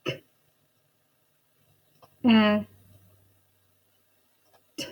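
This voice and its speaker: Female phonics prompt voice, dull lo-fi sound, isolated words and sounds modeled very slowly with exaggeration. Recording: dull lo-fi playback.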